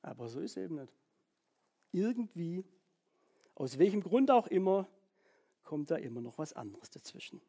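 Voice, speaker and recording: A young man preaching a lively sermon, telling stories and often checking in with listeners. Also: normal speed, gravelly, long pauses. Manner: animated, asks listeners for agreement with a repeated "ja?"; storytelling, jumps between high excited and low quiet delivery. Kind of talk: lively sermon with acted-out inner voices.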